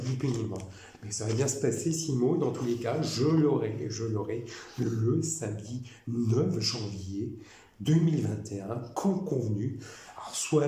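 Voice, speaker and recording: A man from France talking to camera in a rambling, repetitive and animated way. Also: medium pitch. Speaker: vlogger. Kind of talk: casual monologue. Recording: echoey room with faint noise.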